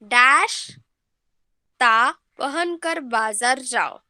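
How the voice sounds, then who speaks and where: A woman teacher giving an online Hindi lesson to children, reading words slowly and repeating them for her pupils. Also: high-pitched, bright, forceful tone, dry recording.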